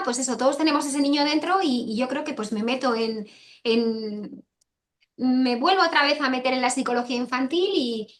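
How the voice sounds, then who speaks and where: A woman's voice: fairly high pitch, a bit bright. A woman author answering interview questions over a video call, rambling and correcting herself and often repeating phrases. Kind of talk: casual spoken interview answers.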